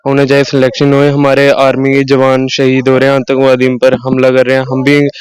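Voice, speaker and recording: A man's voice: medium pitch, monotone, brisk, smooth, dry recording. A young man training for the army, giving earnest, determined answers at an outdoor ground. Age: young adult. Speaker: army aspirant. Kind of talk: interview answers.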